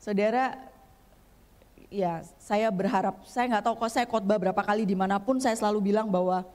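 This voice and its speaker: A woman's voice: mid-range voice, brisk, a little mellow. A woman guest pastor giving a chatty, humorous sermon in a church, often turning to speak straight to the congregation. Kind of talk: conversational sermon. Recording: long church hall reverb.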